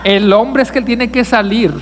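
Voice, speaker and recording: High-voiced pastor preaching in a reverberant church. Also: male voice, steady tone, moderate pace, a little hiss or hum. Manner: asks the congregation questions, jokes with listeners. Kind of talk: sermon. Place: church sanctuary.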